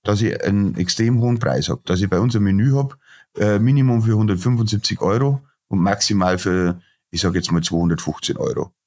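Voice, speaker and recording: A man's voice: on the low side, brisk, darkish tone. A middle-aged man, a chef and restaurateur ranting bluntly in a casual podcast interview, full of fillers and restarts. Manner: blunt, ranting, lots of filler sounds and repeated starts.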